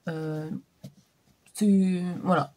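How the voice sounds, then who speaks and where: A woman's voice: lowish voice, fairly even intonation, extremely slow, mellow. A woman in her thirties with a stuffed-up nose from a cold, chatting casually about books she has been reading, with lots of fillers. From France. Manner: chatty, many fillers and restarts. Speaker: book vlogger. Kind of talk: casual chat.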